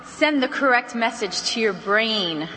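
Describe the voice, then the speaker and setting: An animated woman leads a sales training session for a live audience. She jumps into acted-out phone calls with big, lively voices. Her tone is bright and sits a touch high, with long reverb from a big hall and faint background noise. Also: unhurried.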